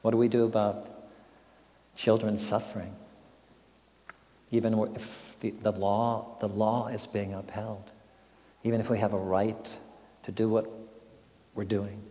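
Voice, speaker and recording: Older male pastor, low mellow voice, reverberant hall. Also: flat delivery, unhurried, long pauses. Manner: reflective storytelling, asks questions. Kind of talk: sermon.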